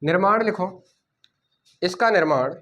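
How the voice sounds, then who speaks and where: Man, coaching teacher, high voice, dictating notes, repeats words slowly. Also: lively intonation, pushed and bright. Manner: repeats key words slowly for students to write. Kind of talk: classroom lecture dictating notes.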